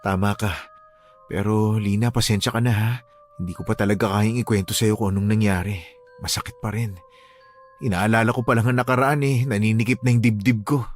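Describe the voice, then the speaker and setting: A man voicing a caring, protective young man who speaks calmly and reassuringly in a radio drama. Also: fairly low pitch, a little fast, faint music behind, natural voice. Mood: remorseful. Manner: calm, reassuring.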